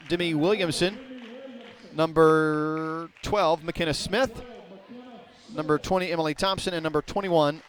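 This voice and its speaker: A middle-aged man, giving folksy, rambling play-by-play of a high school basketball game in a small gym. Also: fairly bright tone. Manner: folksy, rambling, talks to viewers directly. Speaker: play-by-play announcer.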